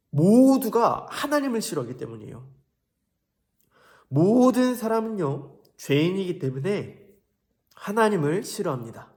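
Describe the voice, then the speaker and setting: A young man preaching a children's sermon in an animated storytelling manner, often asking the kids questions. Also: fairly high pitch.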